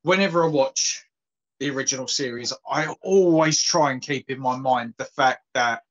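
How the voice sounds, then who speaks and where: A man's voice: mid-range voice, moderate pace, fairly bright tone. Thoughtful man on a lo-fi podcast. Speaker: podcast co-host. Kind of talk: casual chat. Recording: dull lo-fi podcast audio.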